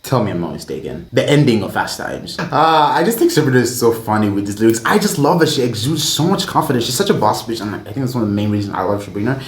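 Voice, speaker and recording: A man giving excitable, gushing commentary while reacting to an album, swearing freely as he talks. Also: medium pitch, fast talker, few pauses. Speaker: music reaction vlogger. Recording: roomy echo with faint music playing.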